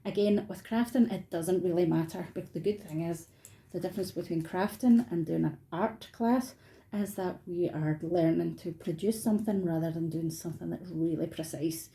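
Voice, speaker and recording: Speaking at a moderate pace in a fairly low, gravelly, dark voice, a middle-aged woman from Scotland tutors an online art workshop. She keeps things informal and encouraging from her dining room, and the recording is low quality.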